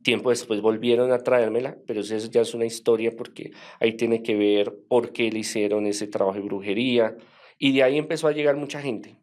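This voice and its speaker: A man, an exorcist priest, telling his story in an interview in a measured, hesitant way with many fillers. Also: mid-range voice, steady tone, a little mellow.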